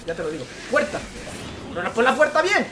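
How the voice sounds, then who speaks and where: Excitable young-sounding male gamer from Spain, high bright voice, rapid-fire commentary with faint game music behind. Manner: excitable, frequent swearing and exclamations. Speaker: gaming channel host. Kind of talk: let's play commentary.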